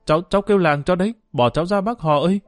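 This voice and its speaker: A man doing a high, frightened young village girl. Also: very fast, no echo, faint music behind, natural voice. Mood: pleading.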